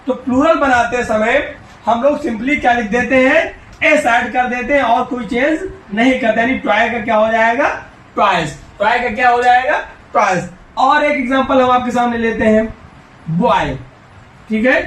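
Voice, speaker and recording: A man's voice: very high-pitched, fairly bright tone. A male teacher giving a grammar lesson, asking questions and answering them himself while coaxing the children along. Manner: drills students by asking and answering his own questions; coaxing and encouraging, addresses children directly. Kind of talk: classroom-style English grammar lesson. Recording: echoey room, voice from a distance.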